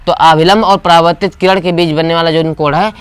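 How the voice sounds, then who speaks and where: A man's voice: fairly high pitch, fairly even intonation, brisk, clear, resonant tone, no echo. A man teaching a physics class, asking the students short questions and repeating key terms. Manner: call-and-response questioning. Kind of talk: classroom lecture.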